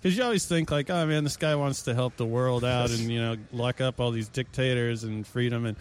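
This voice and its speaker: A man's voice: mid-range voice, fairly even intonation, a little fast, smooth. A man co-hosting a casual comedic chat, with a blunt, wry and profane manner. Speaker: podcast co-host.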